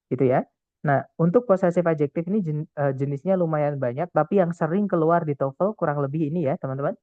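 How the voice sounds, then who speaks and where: A man's voice: fairly high pitch, no echo. A man tutoring an English test class in a casual online lesson, explaining step by step and often adding filler words. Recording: tinny phone-like sound.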